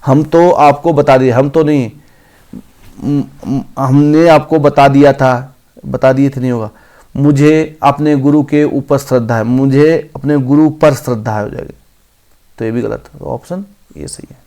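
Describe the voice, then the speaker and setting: A man teaching an exam-prep grammar lesson. He reads each option aloud slowly, then corrects it. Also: mid-range voice, fairly even intonation, dark tone.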